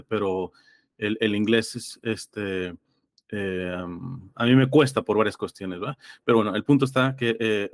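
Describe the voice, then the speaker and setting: Speaking hesitantly and thoughtfully, a Los Angeles man with a slightly congested throat appears as a guest in a theological conversation, making his points through examples and citations. His fairly low voice comes through a dry, studio-quality recording.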